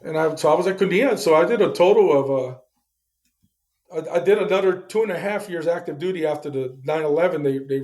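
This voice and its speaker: A man's voice: fairly high pitch, fairly quick, darkish tone. A middle-aged man, a Navy veteran guest, telling his service story in a blunt, casual way, with swearing and acted-out dialogue.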